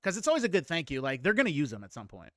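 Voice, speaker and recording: A man's voice: on the high side, wildly swooping pitch, racing, a bit bright, no echo, clean studio sound. A man in his late thirties hosting a casual livestream chat, rambling, laughing often and greeting viewers. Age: 30s. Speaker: streamer host.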